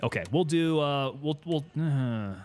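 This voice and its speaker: A man's voice: on the high side, measured pace, darkish tone. Man thinking aloud over gameplay. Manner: talks to himself and teammates, thinking aloud. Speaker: gaming streamer. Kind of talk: casual gameplay commentary.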